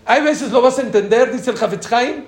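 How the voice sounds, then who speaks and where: A man giving a religious lesson as a Torah teacher, acting out dialogues and swinging between loud and hushed. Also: very high voice, moderate pace. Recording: echoey room.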